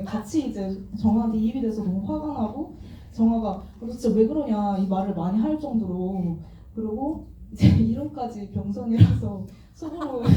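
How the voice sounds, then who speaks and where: A woman's voice: medium pitch, mellow, slight background noise. A woman in the audience asks a question after a screening, giggly and amused. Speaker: audience member. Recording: very echoey hall, distant mic.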